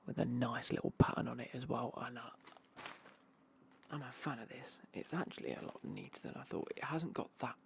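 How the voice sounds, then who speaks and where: A British man speaks in a hushed, breathy whisper that often drops into a very gravelly, creaky murmur. He chats informally, as in an ASMR unboxing, rambling along with understated remarks. Faint noise sits behind his voice. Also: mid-range voice, brisk. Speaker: ASMR vlogger showing golf clothing.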